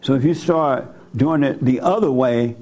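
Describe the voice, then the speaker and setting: Male group teacher with a gravelly, creaky voice; blunt, plain-spoken delivery. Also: mid-range voice, normal speed, mellow. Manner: blunt, direct, colloquial. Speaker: spiritual teacher leading a group. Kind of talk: informal teaching with audience questions.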